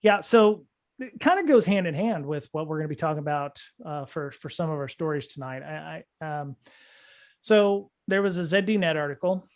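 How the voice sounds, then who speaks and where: Rambling, higher-voiced male podcast host. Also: normal speed. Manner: rambling, many fillers and restarts. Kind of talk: casual security podcast chat.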